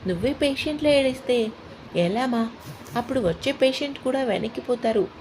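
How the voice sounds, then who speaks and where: A woman voicing a gentle, protective middle-aged uncle who reassures and teases his niece. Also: a little high, animated, normal speed, a little hiss or hum, lightly acted, rough recording. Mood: gentle reassuring.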